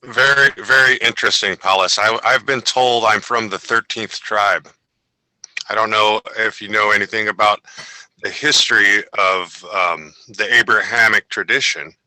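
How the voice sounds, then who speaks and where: A man in a casual roundtable chat on a video call, telling family stories in an animated way and slipping into playful voices. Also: lowish voice, moderate pace, no echo, rough recording. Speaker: network member, roundtable guest. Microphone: video call microphone.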